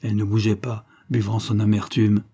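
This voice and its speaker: A man narrating a literary short story in an audiobook, reading in a measured, even way. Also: lowish voice, husky.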